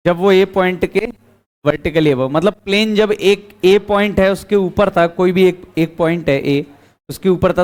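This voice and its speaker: A man with a high-pitched, clean voice gives a classroom physics lecture, posing questions to his students and then answering them himself.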